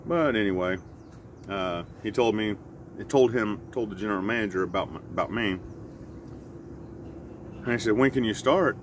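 Middle-aged male vlogger, deep register, unhurried self-correcting storyteller, recorded outside with noticeable ambient hum. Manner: easygoing, halting, self-correcting. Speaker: pipe vlogger. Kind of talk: casual rambling storytelling. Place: outside by a house with siding. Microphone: camera a short distance in front. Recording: clear outdoor traffic or air-conditioner hum.

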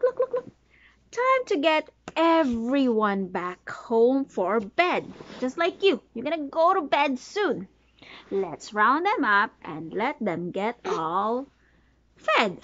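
In a dull, lo-fi home recording, a mother in her thirties sits on a bed in a small bedroom reading a picture book to her toddler. Her voice is on the high side and a bit bright, sing-song as she prompts with questions and counts.

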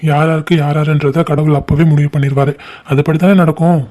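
A woman voicing a calm, reassuring middle-aged family man in a home-made cartoon. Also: sits low, a little fast, pitched below the performer's own voice, close to an everyday voice.

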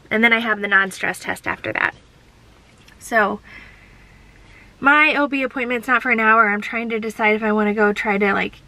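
A woman's voice: mid-range voice, pushed and bright, rough recording. Congested, breathless woman vlogging from a car. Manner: rambling, chatty, many "like" fillers. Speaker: vlogger, show host. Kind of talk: casual vlog talking to camera. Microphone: handheld camera.

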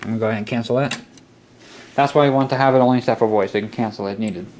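A man with a lowish, slightly mellow voice rattles off a step-by-step hobby electronics demonstration at a rapid-fire pace. The casual how-to is captured by a handheld camera's built-in mic in a cluttered indoor workshop or utility room, with clicks and clear background noise throughout.

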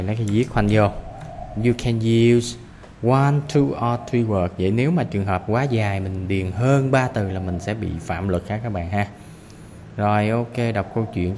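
A man with a Vietnamese accent teaching English to young learners, reading the text slowly and repeating words to drill pronunciation. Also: lowish voice, darkish tone, big-room sound, a little hiss or hum. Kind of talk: classroom reading lesson.

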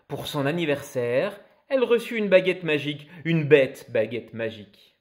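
A man reading a children's picture book aloud, expressive and animated. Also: a little high. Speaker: storyteller.

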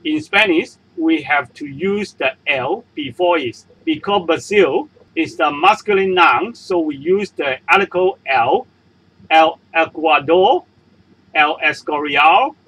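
A man with a Hong Kong accent, whose first language is Cantonese, talks through a beginner's language lesson at an unhurried, deliberate pace. His voice sits a little high and has a husky edge. He repeats each example and its translation patiently, as a voice-over for on-screen slides. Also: a bit bright, low-quality recording. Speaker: Spanish language teacher. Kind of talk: slow explanatory lesson narration. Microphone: voice-over for screen-recorded slides.

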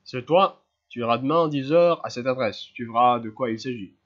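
A man reading a story aloud, voicing a weary, gruff male police commissioner in a tired, curt way. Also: mid-range voice, a little fast, close to an everyday voice. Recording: slightly dull lo-fi sound.

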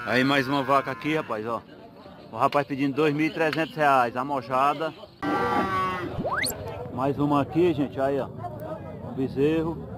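A fairly high-voiced man talks in a casual, chatty way as he films. He keeps asking sellers for prices and says them back to his viewers. A busy crowd can be clearly heard around him outdoors. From Northeast Brazil. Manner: chatty, asks sellers prices, repeats answers to camera. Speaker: vlogger at a cattle fair. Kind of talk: casual on-the-spot video commentary. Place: outdoor cattle market with crowd.

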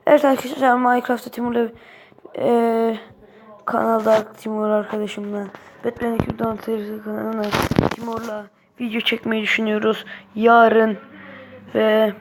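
Woman gaming host, fairly high gravelly voice, slow talk with excited outbursts, noisy clicking background. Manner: excitable, shouts bursts at the game. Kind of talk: let's-play game commentary. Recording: noisy recording with clicking sounds.

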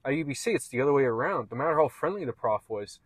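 A man's voice: medium pitch, quick pace, husky, dry recording. A young man from Canada, co-hosting a casual chat and rambling with lots of "like" and "man". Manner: relaxed, rambling, says "like" and "man" a lot. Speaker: co-host.

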